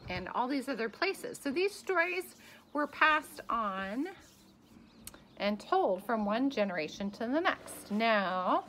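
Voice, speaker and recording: A woman in her thirties leading a kids' Bible lesson to the camera, gasping and exclaiming with exaggerated excitement for children, recorded at arm's length in a small wood-paneled room. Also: a little high, slow, slight background noise. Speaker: children's church teacher.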